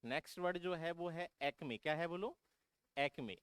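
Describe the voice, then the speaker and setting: A man's voice: fairly high pitch, moderate pace, fairly bright tone, clean tone, no echo. A man teaching exam vocabulary who keeps asking his students questions and then answering them himself, calling them "beta". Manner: repetitive, drilling explanation. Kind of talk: vocabulary lesson for exam prep.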